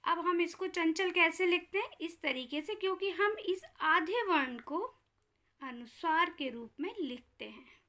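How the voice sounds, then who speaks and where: Slow, bright-voiced woman teaching children. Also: very high-pitched, lively intonation. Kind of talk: Hindi grammar lesson for children.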